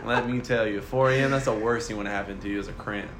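A man's voice: fairly low pitch, fairly even intonation, fast talker, fairly bright tone. A young man co-hosting a casual chat, loose and profane in his slang. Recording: echoey room with faint noise.

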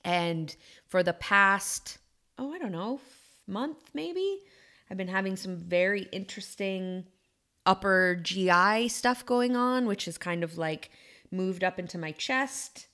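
A podcast co-host and acupuncturist in her thirties muses through a casual chat, full of fillers and self-corrections. Her mid-range voice is fairly bright and a little slow.

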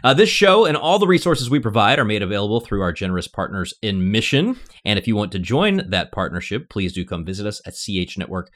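A man's voice: fairly low pitch, big pitch swings, fast, hardly any pauses, fairly bright tone. A man hosting a podcast, chatting casually in a jokey, self-deprecating way. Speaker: podcast host. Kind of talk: casual conversation.

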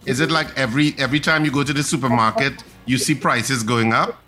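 A man's voice: medium pitch, fairly even intonation, brisk, over music. A man hosting a call-in morning radio show, emphatic and pushing hard on repeated words.

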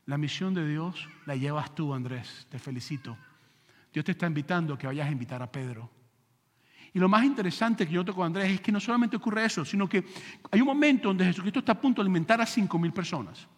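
A male pastor preaches with a high, bright voice that leaps up and down in pitch. He talks to the congregation conversationally, full of rhetorical questions. The long reverb of a church hall trails after his words. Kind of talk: sermon. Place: church sanctuary with pulpit.

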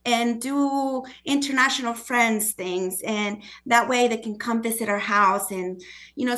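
A guest author with a foreign accent speaks earnestly in a conversational interview, her voice a little high and a bit bright. She often acts out what other people said.

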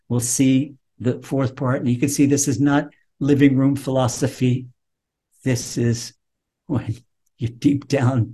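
Husky-voiced rabbi teaching Torah. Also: male voice, fairly high pitch, a little mellow. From Israel. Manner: quotes Hebrew text then translates, emphatic. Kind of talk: Torah lesson.

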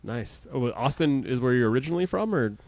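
A man in his forties hosting a podcast, chatting casually with a guest and often pausing with "uh" and restarting sentences. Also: mid-range voice, expressive, darkish tone, dry recording. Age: 40s. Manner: friendly, frequent "uh" hesitations and restarts. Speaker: podcast host. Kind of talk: casual interview chat.

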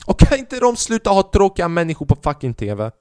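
A young man hosting his own podcast, telling a comedy club story in a profane, animated way and acting out other people's voices. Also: high voice, clear, resonant tone, dry recording. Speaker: podcast host and stand-up comedian.

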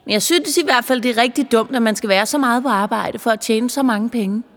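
A woman's voice: a little high, long reverb tail. A woman voicing a young girl who talks eagerly about her ideas in a children's audiobook.

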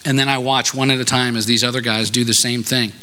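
A man's voice: medium pitch, level tone, fast, sharp tone, slight background noise. A man preaching a sermon in a church, telling a personal story in a conversational, self-deprecating way and often checking in with "right?". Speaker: pastor.

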